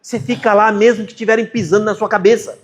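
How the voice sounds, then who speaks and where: A Brazilian man preaching with a notably high voice. He tells stories to a congregation and voices the people in them. His delivery climbs into fervent, insistent emphasis. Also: flat delivery, quick pace. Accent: Brazilian Portuguese. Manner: storytelling, acts out quoted dialogue, builds to impassioned emphasis. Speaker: preacher giving a conference talk.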